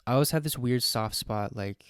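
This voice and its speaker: A man's voice: mid-range voice, a little fast, smooth, dry recording, clean studio sound. A man musing aloud in a casual, sincere monologue, hesitant and full of fillers, swearing now and then. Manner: rambling, hesitant, many fillers and restarts. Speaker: vlogger answering his own question list.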